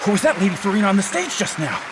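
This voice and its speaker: A bewildered male spectator whose voice leaps up and down as he questions what he saw. He speaks over a loud crowd murmur, a little high for a man. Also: big pitch swings, very fast, heavy background noise. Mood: puzzled. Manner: puzzled, questioning. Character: surprised male theater spectator.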